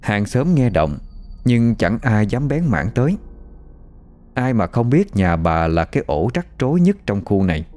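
A man narrating a scripted ghost story in an expressive storytelling manner. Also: fairly low pitch, a little slow.

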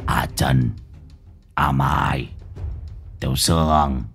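Cold hoarse old sorcerer, voiced by a man. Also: very deep voice, steady tone, extremely slow, fairly bright tone, soft background music, voice pushed down, full character voice. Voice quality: hoarse, rasping. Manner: cold, menacing. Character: cold old male sorcerer, blind-eyed and cruel.

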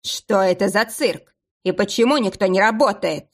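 A woman's voice: mid-range voice, moderate pace, lightly acted. Woman voicing a blustering angry office boss. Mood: stern blustering. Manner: blustering, stern. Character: angry bullying middle-aged male office boss.

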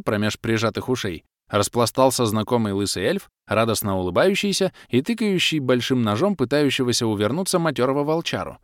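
Lively male audiobook narrator. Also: mid-range voice, no room sound, clean studio sound. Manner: lively first-person storytelling.

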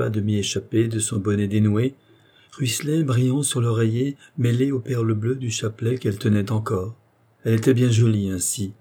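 A man calmly narrating a children's tale as an audiobook. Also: on the low side, breathy edge.

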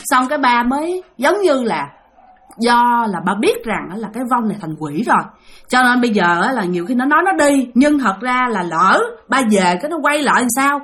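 A woman's voice: fairly high pitch, big pitch swings, brisk, fairly bright tone. A woman with a Southern Vietnamese accent narrating a ghost story in a chatty way, talking directly to her listeners.

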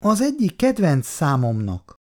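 An excitable, bubbly young woman student from a read-aloud storybook, her voice high and springy, as a male reader puts her on. She speaks eagerly, with a lively rise and fall.

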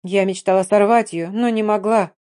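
Lady narrating an audiobook, calm even read, mellow mid voice. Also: medium pitch, normal speed. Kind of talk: first-person audiobook narration.

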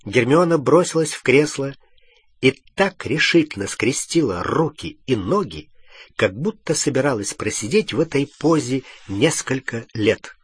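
Slow, husky male audiobook narrator. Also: mid-range voice, lively intonation, no echo. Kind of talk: scripted narration.

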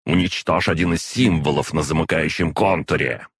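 A man reading an audiobook and voicing a furious, imperious female demoness who shouts and scolds. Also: extremely low pitch, moderate pace, slightly rough, no room sound, studio quality. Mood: commanding. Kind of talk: audiobook narration.

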